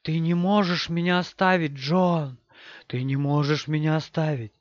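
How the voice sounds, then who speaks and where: A man voicing the ghost of a young woman who pleads slowly and insistently in an audiobook. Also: on the high side, steady tone, dry recording, muffled recording, close to an everyday voice. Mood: clinging. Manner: slow, whispered pleading.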